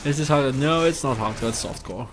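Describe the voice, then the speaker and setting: A Dutch man in his thirties, from the Netherlands, talks at a moderate pace in a mid-range voice over a noisy background with game music underneath. Playing a game on a live stream, he's chatty and relaxed, answering his chat between moves.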